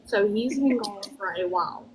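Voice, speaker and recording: A Southern medium with a drawl and a mid-range voice gives a conversational psychic reading amid slight background noise. Her phrasing is folksy, halting and repetitive as she relays messages from spirits.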